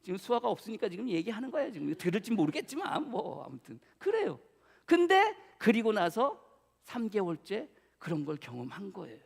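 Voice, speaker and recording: A man delivers a sermon with a high, gravelly voice that carries through a church hall with a long reverb. He tells stories playfully, teasing himself and questioning the congregation. He jumps from loud exclaiming to hushed, breathy whispers. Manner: playful, self-mocking, asks the congregation questions. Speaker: pastor. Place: church sanctuary.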